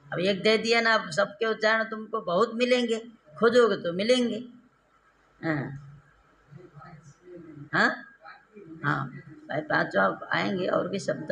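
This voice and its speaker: A man teaching Sanskrit grammar in a classroom lecture, repeating terms and quizzing his students with rhetorical questions, slowing down and drawing out key syllables. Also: sits high, vocal fry, sharp tone, slight background noise. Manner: slow, drawn-out stressed syllables when explaining.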